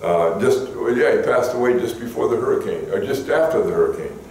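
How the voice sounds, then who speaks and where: Pastor guy telling stories from the pulpit, goes up high when he gets fired up, sounds far off in a big echoey church. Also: lively intonation, brisk, darkish tone, a little hiss or hum. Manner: folksy storytelling, voice climbing high when stirred. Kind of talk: sermon. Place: church sanctuary.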